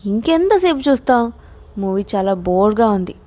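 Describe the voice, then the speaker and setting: A woman's voice: medium pitch, big pitch swings, normal speed, dark tone, lightly acted. A woman playing a teasing young friend. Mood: bored.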